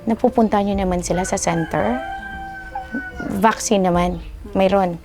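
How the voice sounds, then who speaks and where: A woman host chats with a family, asking about vaccines and names while hushing a baby. Music sits clearly behind her voice. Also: mid-range voice, steady tone, a little slow. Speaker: foundation host visiting a family. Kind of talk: casual chat. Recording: music bed under field audio.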